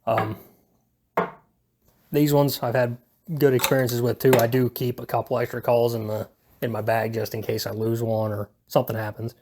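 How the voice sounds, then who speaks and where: A man's voice: medium pitch, level tone, normal speed, a little mellow, a little hiss or hum. A man giving a casual, unscripted how-to in a hesitant, self-deprecating, laid-back way, rambling as he goes. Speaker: video presenter giving a hobby how-to. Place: indoors at home.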